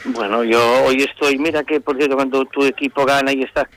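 A man's voice: medium pitch, steady tone, a little fast, a bit bright, rough recording. A man talking as a football pundit on a radio show, indignant and repeating himself as he rants about a match. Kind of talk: heated sports radio debate.

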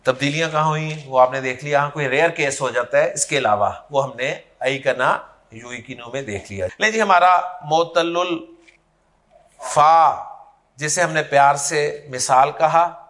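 A man's voice: medium pitch, fairly bright tone. A man teaching Arabic grammar in a classroom lecture, explaining step by step and checking that his students follow.

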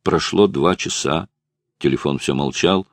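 A man narrating a romance audiobook in a calm, measured way. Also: rumbling low, no echo. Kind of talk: scripted narration.

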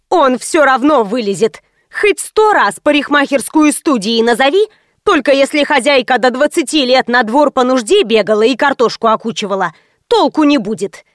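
A woman narrating a first-person story with wry liveliness. Her voice sits a little high, and the recording is dry and close. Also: animated, moderate pace, dry recording. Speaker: audiobook narrator.

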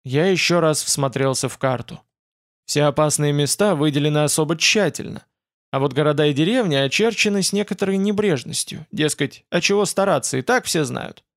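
A man narrating a fantasy audiobook in the first person, with even, steady storytelling. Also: fairly high pitch, fairly quick, no room sound, studio quality.

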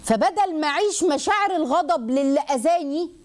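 Egyptian woman teaching a religious lesson to girls, talks quick, voice a bit high, really animated. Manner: lively, animated, acts out quotes and asks herself questions.

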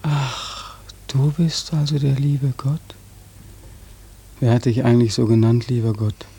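A man's voice: medium pitch, level tone, a little slow, dark tone, slightly rough. An actor playing a bitter young war veteran who accuses God and mocks people while dreaming of his own death. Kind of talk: radio play acting.

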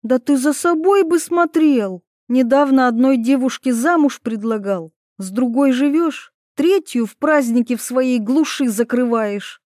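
A woman voicing a sharp-tongued young woman who flares up fast, with high, loud, mocking retorts. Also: dry recording, clean studio sound, close to an everyday voice. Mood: heated, mocking.

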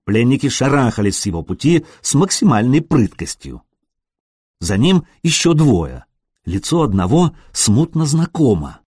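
A man reading an adventure novel aloud as a studio audiobook, in an expressive style that briefly acts out the characters. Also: mid-range voice, a little slow, husky, no echo. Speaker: audiobook narrator. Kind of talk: scripted audiobook narration.

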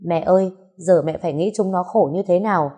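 A woman's voice: on the low side, fairly quick, warm tone, breathy edge. A woman reading the part of a firm, earnest middle-aged man pressing his mother. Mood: insistent. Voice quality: earnest, persuasive.

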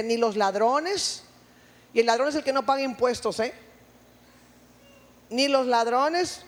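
A woman preaching a sermon in a church, telling stories in a lively way and acting out voices. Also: high voice. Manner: lively storytelling, full of acted voices. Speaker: guest preacher. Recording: reverberant church hall.

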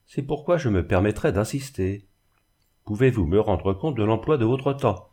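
A man's voice: on the low side, lively intonation, moderate pace, dark tone, breathy edge. A man doing a harsh old spinster. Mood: stern. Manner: severe, accusing. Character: stern, harsh old spinster seamstress, woman.

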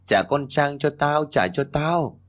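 A man's voice: a little high, lively intonation, slow pace, pitched above the performer's own voice. A man voicing a cold, vengeful old woman who threatens in a menacing way.

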